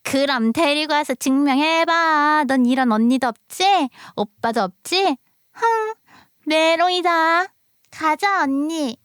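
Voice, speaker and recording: A woman's voice: sits high, lively intonation, slow pace, a bit bright, no room sound, studio quality, voice pushed up, full character voice. A woman voicing a smug little schoolgirl who mocks another child. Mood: taunting. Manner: mocking, bratty.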